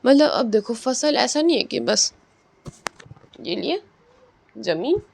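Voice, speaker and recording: A man teaching a chapter in a casual way. He reads out the headings slowly, then explains them with homely examples and corrects himself as he goes. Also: extremely high pitch, big pitch swings, vocal fry, a little mellow, husky. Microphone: own microphone, adjusted while talking.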